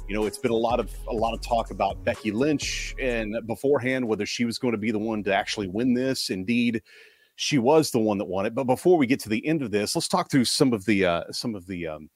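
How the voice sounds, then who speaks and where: A man's voice: on the low side, fairly quick, slightly rough, no room sound, soft background music. A man co-hosting a live wrestling recap podcast, talking casually with fillers and easy self-deprecating humor. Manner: relaxed, filler-heavy, laughing at own tech troubles. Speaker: podcast co-host.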